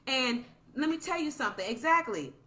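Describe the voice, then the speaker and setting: A woman's voice: high-pitched, animated, brisk, fairly bright tone. A woman delivering a passionate, preachy podcast monologue, repeating points for emphasis.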